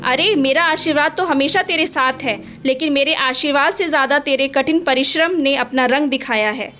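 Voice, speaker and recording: A woman voicing a hardworking, devoted mother-in-law who speaks in a gentle, encouraging way. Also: sits high, moderate pace, soft background music.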